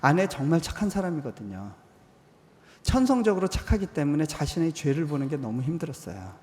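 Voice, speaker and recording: A man's voice: fairly high pitch, very animated, brisk. A man in his forties preaching a sermon in a church hall, telling personal stories in a conversational way. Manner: conversational, acts out quoted voices, drops soft for tender moments. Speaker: missionary preacher. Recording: long hall reverb.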